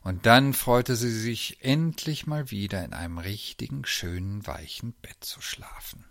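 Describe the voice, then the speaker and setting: A man narrating a children's story in a lively, expressive way. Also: on the low side, unhurried, vocal fry, dry recording.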